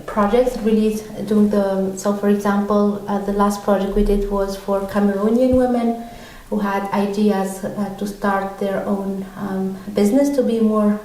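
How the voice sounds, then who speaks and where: A woman from Tunisia speaks as a podcast guest with a mellow, dark tone, pausing often on ums and restarting her sentences. She sounds set back from the microphone in a very echoey room. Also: medium pitch. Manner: hesitant, many ums and restarts. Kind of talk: conversational interview answers. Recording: very echoey room, mic far off.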